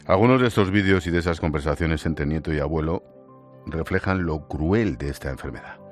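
A man's voice: very deep voice, brisk, soft background music. A man hosting a radio segment, reading a scripted narration and then chatting informally with a guest. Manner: informal with guest, calls him macho and tío. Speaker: radio host.

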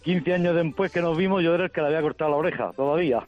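Murcian radio caller, high-pitched man, acts out the voices in his anecdote. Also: racing, dull audio, soft background music. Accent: Murcian Spanish. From Murcia, Spain. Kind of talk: phone-in storytelling.

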